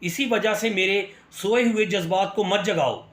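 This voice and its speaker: A man's voice: high voice, a little slow, fairly bright tone, roomy sound. A man voicing an angry, domineering young husband who talks in a harsh, scolding way in a spoken story.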